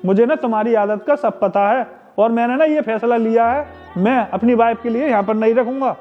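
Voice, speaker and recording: A man's voice: extremely high pitch, a little fast, lo-fi sound, faint music behind. A man playing a fed-up grown son who talks back firmly to his mother, in a homemade family drama. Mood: irritated. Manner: firm, irritated. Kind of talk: amateur Hindi family drama.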